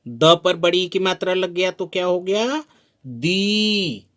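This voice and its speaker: A man teaching a spoken lesson, sounding out syllables slowly and drawing them out, asking the learner questions as he goes. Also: high-pitched, steady tone, a bit bright. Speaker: Hindi teacher. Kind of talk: slow spoken lesson at a board.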